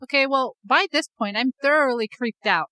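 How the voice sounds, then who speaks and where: A woman's voice: high voice, moderate pace, pushed and bright, no room sound. A woman co-hosting a podcast, answering a spooky scenario with wry, joking pushback. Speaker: podcast co-host. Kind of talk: casual chat.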